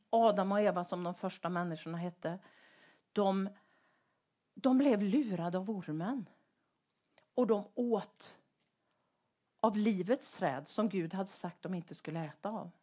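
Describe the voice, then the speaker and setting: A woman preaching a sermon in a conversational way, asking the same questions again and again. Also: medium pitch. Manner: rhetorical, repeats questions; conversational with fillers.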